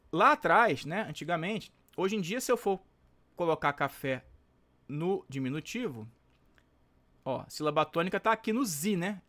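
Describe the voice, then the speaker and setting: A man's voice: a little high, a bit bright. A Brazilian Portuguese-accented male teacher, going through exam questions and checking in with the class after nearly every sentence. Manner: chatty, checks in constantly with tag questions; stretches out example words slowly. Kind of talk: exam-prep lesson solving test questions.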